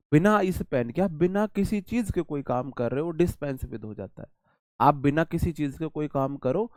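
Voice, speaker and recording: A man's voice: a little high, darkish tone, no echo. Chatty man teaching vocabulary live. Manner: chatty, repeats words, explains with memory tricks. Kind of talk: live online class, answering chat.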